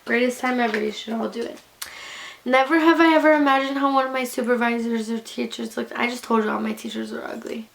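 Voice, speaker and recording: A woman's voice: a little high, steady tone, fast, vocal fry, fairly bright tone, poor audio. A young woman vlogger chatting casually to camera in a giggly, tipsy ramble, blunt and full of swearing and slang. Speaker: beauty vlogger.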